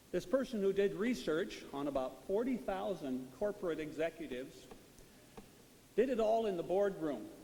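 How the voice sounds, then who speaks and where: A man speaking as a priest in a liturgical reading and homily, measured, solemn and deliberate in his phrasing. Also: on the high side, a little mellow. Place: large reverberant church. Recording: echoing church hall, long reverb, hiss.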